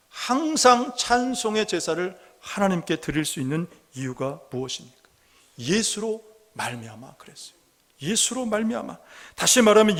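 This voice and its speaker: A man preaching a Sunday sermon as pastor, earnest, asking rhetorical questions and slowing down to read scripture aloud. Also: high voice, fairly bright tone. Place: church sanctuary. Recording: long reverb of a church hall.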